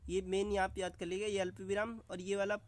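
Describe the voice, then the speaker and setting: A man's voice: high-pitched, level tone, brisk, no echo. A man teaching an online exam-prep lesson, calling his viewers friends and explaining with examples.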